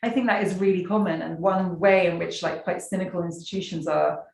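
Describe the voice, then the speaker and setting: A woman's voice: fairly low pitch, steady tone, brisk, creaky. A woman speaking as a guest in a discussion, fluent and emphatic. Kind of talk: conversational discussion. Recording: echoey distant mic with faint noise.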